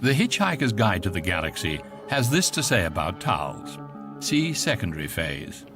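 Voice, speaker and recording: Deadpan talking guidebook, lowish and lively. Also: male voice, moderate pace, music in the background. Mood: droll, explanatory. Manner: deadpan, precise, explanatory. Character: droll, authoritative talking electronic guidebook of the galaxy. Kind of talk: scripted radio comedy narration.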